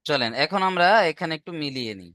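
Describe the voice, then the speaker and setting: Here a Quran recitation teacher talks fast, his high-leaning voice sharp and lively in intonation. Patient and repetitive in his online class, he often asks students whether they've understood. The sound is clean studio audio without any room sound.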